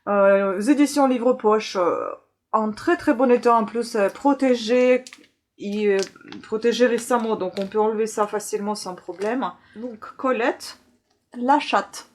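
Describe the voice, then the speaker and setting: A woman's voice: fairly high pitch, measured pace. A woman vlogger chatting casually through a book haul, hesitant and full of filler sounds.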